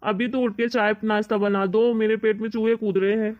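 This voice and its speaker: A woman's voice: medium pitch, level tone, fairly quick, natural voice. A woman playing a greedy middle-aged son and husband who coaxes and argues in a plain voice. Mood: coaxing. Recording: dull lo-fi recording.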